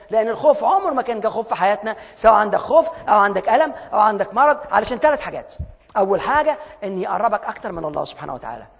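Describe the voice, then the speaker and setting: A man with an Egyptian accent gives a motivational talk as a coach. He repeats his points, asks rhetorical questions, and acts out both sides of conversations. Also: sits high. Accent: Egyptian Arabic. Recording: long hall reverb.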